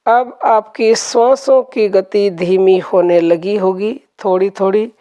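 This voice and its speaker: Guiding a meditation, a woman speaks in a medium pitch, very slowly and with great calm. Her instructions unfold one step at a time, and she gently repeats phrases throughout.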